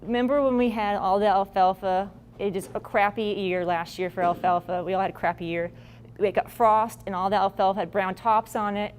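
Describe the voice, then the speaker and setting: A woman's voice: mid-range voice, a little mellow, a little hiss or hum. A woman presenting farming advice at a workshop in a casual, blunt, folksy way. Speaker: agricultural presenter.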